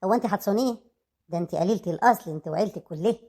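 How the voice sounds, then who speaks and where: A woman's voice: mid-range voice, rapid-fire, natural voice. A woman playing a harsh, nagging older mother-in-law, speaking with an Egyptian accent in a comedic web skit. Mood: sneering. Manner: nagging, insulting, sharp-tongued.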